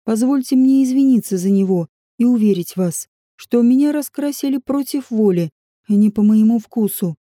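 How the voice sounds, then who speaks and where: A woman's voice: fairly high pitch, normal speed, mellow, no room sound, studio quality, close to an everyday voice. A woman voicing a courteous young male adventurer who speaks in polite, formal phrases, in an audiobook.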